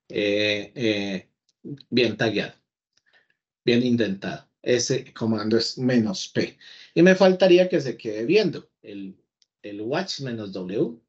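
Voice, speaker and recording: Chatty teacher coding live. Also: male voice, medium pitch, a little mellow. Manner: chatty, talks to the computer as if to a person. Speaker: programming teacher. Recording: slightly dull lo-fi audio.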